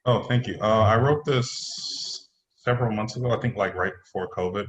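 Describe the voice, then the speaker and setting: Over a roomy, faintly noisy remote call, a playwright and acting teacher chats casually about his own writing. His voice is lowish and his speed normal.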